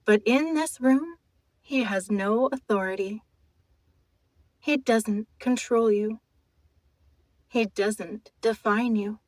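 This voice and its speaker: With a fairly high voice captured in a dry recording, a woman takes the listener through a guided trance. She is soothing, deliberate and mesmerizing, intimate and soft while gently giving commands.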